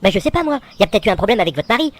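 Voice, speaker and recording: An actor playing a fussy, excitable male neighbor who rambles nervously in a high voice. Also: racing.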